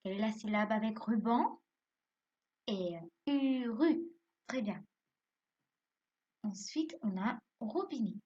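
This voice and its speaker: A primary school teacher teaches young pupils from home, spelling words letter by letter, quizzing them, and then answering her own questions. Her voice is fairly high and animated, with a slow pace, long pauses, and a darkish tone. The sound is lo-fi.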